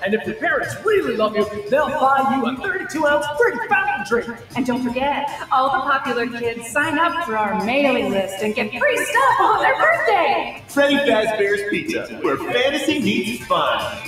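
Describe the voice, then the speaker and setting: Cheery game pizza promo announcer, distant, booming hall echo. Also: very animated, normal speed, pushed and bright, soft background music, exaggerated voice. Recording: heavy hall echo, far from mic.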